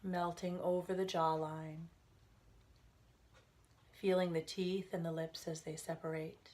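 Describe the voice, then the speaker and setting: A woman guides listeners through relaxation as a meditation instructor, her lowish voice flat in delivery. She speaks gently and soothingly, taking her time with phrases and leaving pauses between them.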